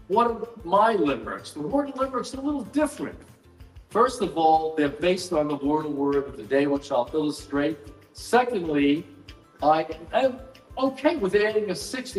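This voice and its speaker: A man presenting his book at a live event, explaining in a measured way with dry asides. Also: a little high. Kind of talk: live explanatory talk to an audience. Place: event hall at a book fair. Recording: roomy hall echo, mic some distance off, faint music.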